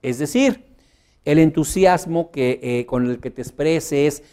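A man leads a public speaking teleseminar in a slightly high voice. He swings between loud, forceful phrases and near-murmured ones, pausing often with filler sounds. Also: clean tone. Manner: strongly modulated, rising and dropping volume for emphasis; frequent fillers, slow deliberate phrasing. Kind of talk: teleseminar lecture.

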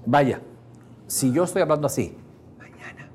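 A man's voice: mid-range voice, moderate pace, darkish tone. A man with a Mexican Spanish accent leads a workshop for a live group in a mid-range voice. He explains in an easygoing, conversational way, with frequent asides to his listeners. Faint ambient noise sits under the recording. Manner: conversational, explains with everyday examples and checks in with the audience. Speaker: seminar instructor. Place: seminar room with a live audience.

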